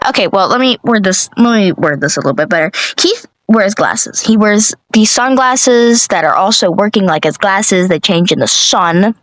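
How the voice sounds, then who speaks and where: A woman telling a rambling comedic story full of swearing, self-corrections and deadpan asides. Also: mid-range voice, normal speed, hardly any pauses, no echo, low-quality recording.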